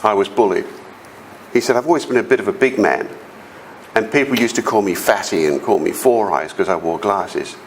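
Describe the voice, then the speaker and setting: A middle-aged South Australian with a big voice gives an animated storytelling presentation in a conference hall, recounting personal stories and acting out the voices of people he quotes. His Australian-accented voice is on the low side and a little fast. The recording is low quality, with a little hiss or hum.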